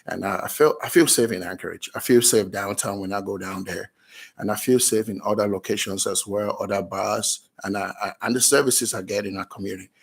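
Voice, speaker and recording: Earnest man, low voice. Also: gravelly, slightly rough. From Cameroon. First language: French. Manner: earnest, with frequent restarts. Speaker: public testifier, business owner. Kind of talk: public testimony.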